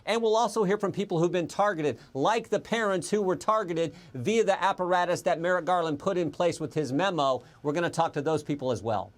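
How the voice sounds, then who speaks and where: A man appearing as a congressional guest on a TV interview, speaking in a forceful, combative way. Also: high-pitched, brisk, few pauses. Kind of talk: TV interview answer.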